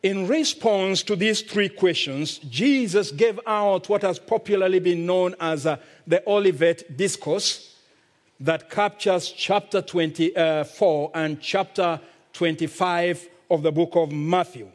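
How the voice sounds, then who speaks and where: Here a visiting pastor with a Kenyan accent preaches in a high voice. He moves slowly and deliberately through the sermon, lengthening certain words to stress them.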